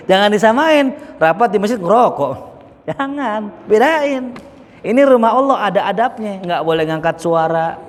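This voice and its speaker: A man giving a casual, joking lesson as a preacher in a mosque, acting out examples as he talks. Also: high voice. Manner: joking, chatty, acts out examples. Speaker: Islamic preacher. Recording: echoey hall with faint ambience.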